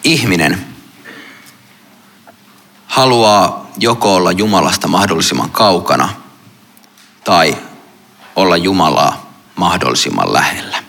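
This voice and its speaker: Low, gravelly-voiced male pastor. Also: lively intonation, bright, forceful tone. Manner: measured, with long pauses between phrases. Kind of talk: gospel reading and sermon.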